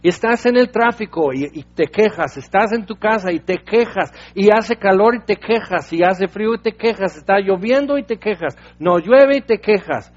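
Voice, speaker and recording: High-pitched guy preaching, goes quiet then loud, kinda muffled lo-fi sound. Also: lively intonation, moderate pace, hardly any pauses. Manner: swings from hushed to loud exclaiming. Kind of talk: sermon. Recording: dull lo-fi recording.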